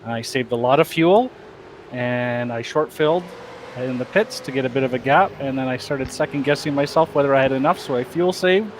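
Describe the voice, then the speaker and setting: A man being interviewed after winning a sim race, calmly talking through his strategy. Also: medium pitch, a little fast, a little hiss or hum.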